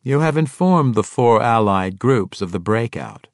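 A man's voice: mid-range voice, expressive, unhurried, no room sound, studio quality, pitched above the performer's own voice, natural voice. A man voicing a poised, formal dragon woman disguised as an elf. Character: elder female dragon sister in elf guise.

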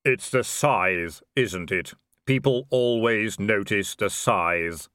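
Death in an audiobook, tall and robed, unhurried and courteous, explaining the end of things as if it were small talk, as a man voices him. His lines come slow and level over dry, close sound. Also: lowish voice, a bit bright, smooth, no room sound. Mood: calm. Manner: slow, measured, politely matter-of-fact. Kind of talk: audiobook character voice.

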